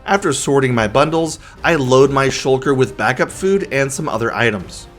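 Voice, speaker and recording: A man casually narrating and commenting on his own gameplay, often dropping to a hushed, whispery voice while sneaking. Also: medium pitch, animated, moderate pace. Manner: chatty, drops to a hushed whisper when sneaking. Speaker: gaming YouTuber. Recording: faint music underneath.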